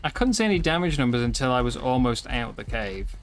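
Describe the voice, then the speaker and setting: A man's voice: medium pitch, sing-song, a little fast. Man, game streamer, tired and yawning, rambling, self-correcting, faint music behind. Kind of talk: casual live gameplay commentary.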